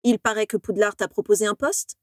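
A woman's voice: medium pitch, brisk, dry recording, studio quality, natural voice. A woman voicing a jealous young male wizard who speaks with bitter sarcasm.

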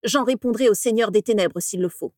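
A woman voicing a fierce, defiant dark witch in an audiobook reading, speaking with force. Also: medium pitch, brisk, no room sound, studio quality, lightly acted.

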